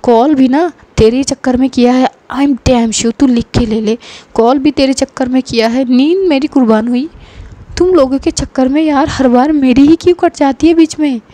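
A grumpy young woman, irritable and full of complaints about being woken at night, voiced by a woman storyteller. Her pitch is fairly high and her tone is mellow. This is a spoken storybook. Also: a little slow, dry recording. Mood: irritated.

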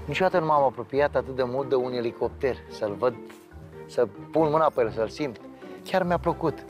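A man's voice: medium pitch, a little mellow, soft background music. A man in his sixties, a restaurant owner on a reality show, speaking in a bossy, scolding way. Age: 60s. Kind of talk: reality TV chat.

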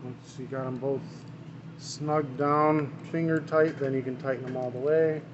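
With an engine running in his noisy workshop, a small engine mechanic talks his way casually through a hands-on repair. His medium pitch has fairly even intonation and a measured pace, and the off-frame camera mic yields dull audio with shop sounds behind.

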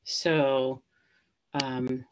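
A woman's voice: rumbling low, flat delivery, very slow, slight background noise. A middle-aged woman hosting a live webinar, speaking conversationally and addressing listeners directly. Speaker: webinar host.

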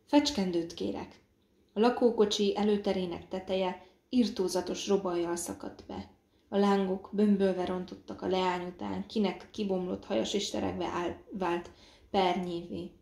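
A woman narrating an audiobook in a measured, dramatic reading. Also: mid-range voice, steady tone, vocal fry, a little mellow. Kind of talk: scripted narration. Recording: roomy echo.

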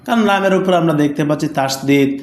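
A man with a Bangladeshi Bengali accent teaches Quran reading, spelling each letter slowly and answering the questions he poses himself. His voice sits fairly high, and the room around him is echoey. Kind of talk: step-by-step recitation lesson.

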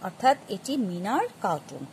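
A woman teaching a grammar lesson, explaining patiently to students with many pauses and restarts. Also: medium pitch, sing-song, a little mellow, a little hiss or hum, poor audio. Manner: patient, addresses students directly. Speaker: English teacher.

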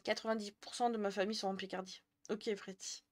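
A woman's voice: mid-range voice, level tone, quick pace. Chatty woman streamer answering her chat. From Jura, France. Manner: chatty, answers chat messages, laughs often. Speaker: Twitch streamer. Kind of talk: casual live-stream chat with viewers.

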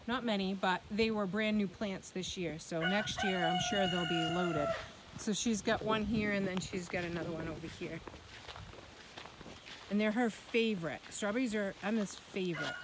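Middle-aged lady chatting thru a farm tour on her phone, loud outdoor noise and chickens clucking. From Maine. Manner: chatty, coos at animals in a high voice. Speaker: farm vlog host. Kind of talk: casual walking tour.

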